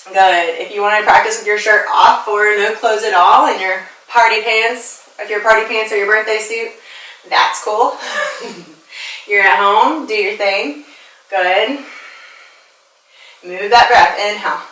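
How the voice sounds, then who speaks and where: A bright-voiced woman guides a yoga class with upbeat, playful cues and frequent laughter. She sounds a little out of breath as she moves along with the class. Her voice rings in a roomy, echoey space, a little away from the mic. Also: mid-range voice, fairly even intonation, measured pace, long pauses. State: slightly out of breath from exercising. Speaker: yoga instructor and personal trainer. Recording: echoey room, voice a bit far from the mic.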